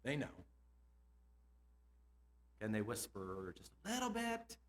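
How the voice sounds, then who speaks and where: Speaking slowly in a mid-range voice, a middle-aged school administrator from the United States addresses teachers at a conference. His talk is lively, with questions to the audience and laughter between points.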